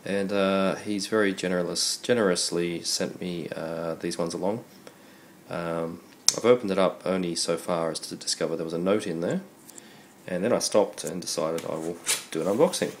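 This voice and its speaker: Low-voiced Australian man with a cold. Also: normal speed. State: congested voice from a cold. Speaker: video host. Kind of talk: casual unboxing commentary. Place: indoors at a computer desk. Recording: steady background noise.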